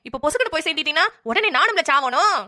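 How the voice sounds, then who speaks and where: A woman's voice: high-pitched, animated, very fast, pushed and bright, heavily acted. A woman voicing an old woman mourning her lifelong friend in a cartoon, melodramatic and lamenting. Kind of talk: cartoon voice acting.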